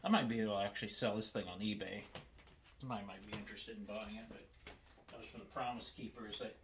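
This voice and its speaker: Talking fast in a lowish voice with a steady tone, this older video host presents his cassette tapes at home. He narrates casually, rambling and frequently restarting and repeating his words, while faint noise sits in the background.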